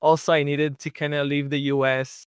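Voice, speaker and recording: A young man from Israel chats easily in an interview, his voice sitting a little high for a man. He tells his stories in a loose, friendly way, dotted with fillers. The sound is dry and close, with no room around it. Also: little pitch movement, moderate pace, clear, resonant tone, no room sound. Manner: easygoing, chatty, many fillers like "like" and "you know". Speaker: guest, long-distance bicycle traveler. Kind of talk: casual interview storytelling.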